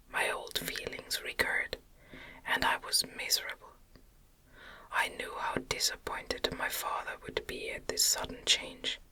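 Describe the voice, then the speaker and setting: Reading a novel for ASMR listeners, a female narrator keeps her mouth near the mic and whispers with soft, careful phrasing.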